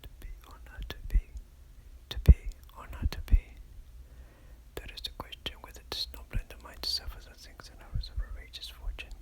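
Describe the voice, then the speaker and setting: An unvoiced, fast and aggressive ASMR whisper reciting an old dramatic soliloquy without pause, close on a lo-fi microphone.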